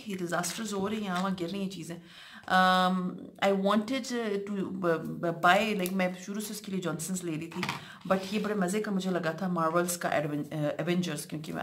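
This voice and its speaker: A woman's voice: lowish voice, slight background noise. A middle-aged woman, chatting casually through a grocery haul vlog and switching often between Hindi-Urdu and English with many fillers. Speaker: lifestyle vlogger.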